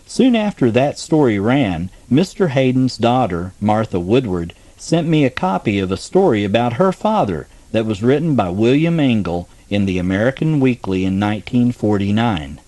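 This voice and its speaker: A man introducing and reading a true story aloud, narrating with an expressive storytelling manner. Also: medium pitch, normal speed, hardly any pauses, no echo. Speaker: narrator and editor.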